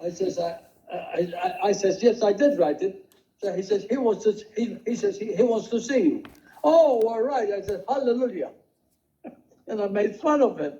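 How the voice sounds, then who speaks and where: An older man recounting his working life in a rambling, halting way, with many restarts and quoted dialogue. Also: high-pitched, mellow. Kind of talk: rambling personal storytelling. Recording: dull lo-fi home recording.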